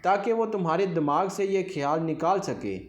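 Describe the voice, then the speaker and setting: A man's voice: high-pitched, close to an everyday voice. A man voicing a stern middle-aged aunt who scolds her young nephew, read in a storybook telling. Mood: stern scolding. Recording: echoey room.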